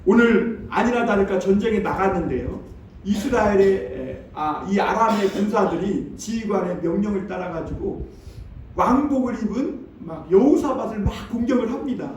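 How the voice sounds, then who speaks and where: High-voiced pastor preaching in an echoey church. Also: male voice, lively intonation, normal speed, a little mellow, a little hiss or hum. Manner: storytelling, conversational, asks congregation questions. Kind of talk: sermon. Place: church sanctuary. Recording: very echoey hall, distant mic.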